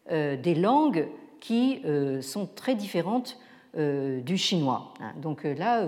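A woman giving an academic lecture, halting often with fillers and restarts as she searches for words. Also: low-pitched, warm tone. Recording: long hall reverb.

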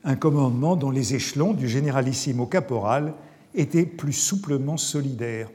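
A man's voice: medium pitch, warm tone. Man lecturing in a reverberant hall. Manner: measured, reflective, with hesitations and asides. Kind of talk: academic lecture reading from wartime texts.

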